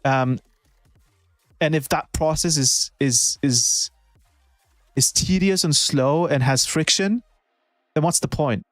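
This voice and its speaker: A man's voice: on the high side, slow pace, pauses often, no room sound. A man who produces music, chatting casually on a live stream and thinking aloud with many restarts.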